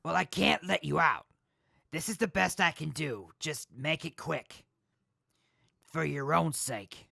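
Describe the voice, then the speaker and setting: Heavily creaky, bright female voice, actress as wary, by-the-book jail guard, radio drama. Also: sits low, slow pace, long pauses, dry recording, clean studio sound, exaggerated voice. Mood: awkward, practical. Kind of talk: audio drama acting.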